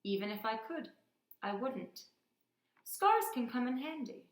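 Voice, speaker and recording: A woman voicing a calm, wise old male headmaster wizard in measured tones, reading a storybook aloud. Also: on the high side, echoey room, pitched above the performer's own voice.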